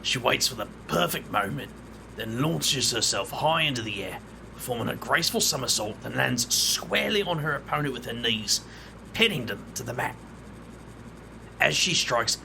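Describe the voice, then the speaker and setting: In an audio drama, a man with a creaky, medium-pitched voice plays a casual, loyal ally of supernatural outcasts. He sounds conversational and a little hesitant, with background noise present.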